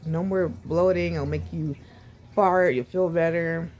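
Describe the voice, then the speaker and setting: A woman vlogging casually about her recovery, sore and short of breath, with a sore throat, talking haltingly with sighs and restarts. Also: lowish voice, fairly even intonation, a little mellow. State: sore and winded after surgery.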